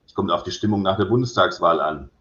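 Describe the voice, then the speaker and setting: A careful, wry police president who chooses his words and sighs over delicate matters, as a man reads him aloud. The voice sits low, and the recording is roomy and a little muffled. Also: expressive, quick pace, a bit bright. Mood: wry, cautious. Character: male police president, friend of the inspector, cautious. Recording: roomy echo, slightly dull sound.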